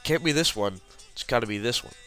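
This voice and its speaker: With soft music in the background, an animated man speaks a little fast in a mid-range voice with a bright, forceful tone. He has the flu and sounds congested, sniffling throughout. In a casual way, he walks through a puzzle tutorial over a screen recording, clicking along.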